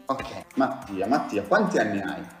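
Low-voiced playful woman, very echoey room. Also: a little slow. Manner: teasing, encouraging, lively. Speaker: interviewer of children. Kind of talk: playful questioning of a child. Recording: very echoey room with faint music.

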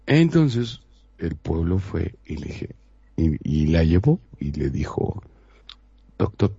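A man with a very low, gravelly and husky voice tells a tale slowly and dramatically, his pitch ranging widely. His voice is dark. The recording is dull and dry. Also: very animated, no room sound. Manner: slow, dramatic storyteller voice. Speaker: co-host. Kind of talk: casual radio chat, storytelling.

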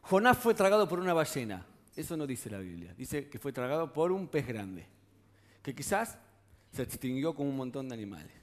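A man's voice: mid-range voice, very animated, brisk. A man with a Rioplatense Spanish accent preaching a sermon in a conversational way, often putting rhetorical questions to the congregation.

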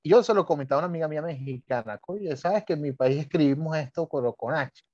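Speaking quickly in a somewhat high, darkish voice, a Venezuelan man with a Venezuelan Spanish accent comes through dull audio with no room sound. He's casually talking about spelling, spinning anecdotes full of laughs and asides.

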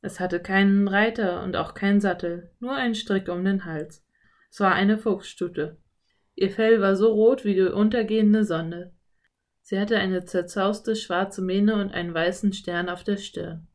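A woman narrating a children's audiobook in a calm, clear storytelling voice. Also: mid-range voice, unhurried.

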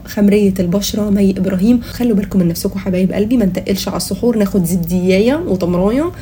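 A woman's voice: mid-range voice, racing, mellow, a little hiss or hum. A woman with an Egyptian Arabic accent hosting a casual comedic podcast in a playful, mock-serious way. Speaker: podcast host.

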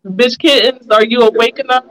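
A woman's voice: fairly high pitch, a little fast, a crowd in the background, low-quality recording. A woman hosting a podcast who asks teasing questions and laughs often in casual chat. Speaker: podcast host.

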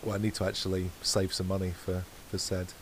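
Male podcast co-host, low voice, easygoing and meandering delivery, faint hiss. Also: a little fast, rough recording. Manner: rambling, self-correcting, relaxed. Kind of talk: casual chat.

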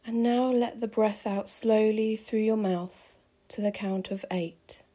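A woman calmly guiding a pregnancy relaxation meditation with slow, soothing, measured phrasing. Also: medium pitch. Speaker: meditation guide.

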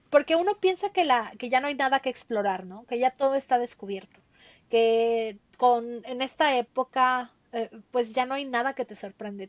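A woman's voice: fairly high pitch, dry recording, dull audio. A Mexican woman in her thirties, a guest telling her travel story in a casual interview, with many fillers and tag questions.

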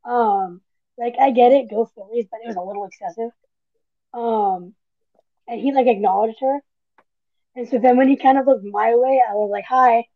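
A woman's voice: on the high side, moderate pace, long pauses, no room sound. A woman co-hosting a podcast, chatting casually and gushing like a fan, with plenty of fillers. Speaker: podcast co-host. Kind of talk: casual chat. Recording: tinny phone-like line.

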